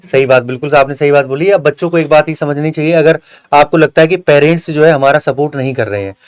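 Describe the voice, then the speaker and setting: A man's voice: fairly high pitch, fast, clear, resonant tone. A young man hosting an interview, giving earnest, repetitive advice full of fillers. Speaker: host of a coaching channel. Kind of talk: interview with a successful candidate.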